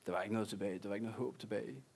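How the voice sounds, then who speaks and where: A man's voice: on the low side, gravelly, a little mellow, husky. A man, a pastor, preaching a sermon in an earnest way, repeating key words for emphasis.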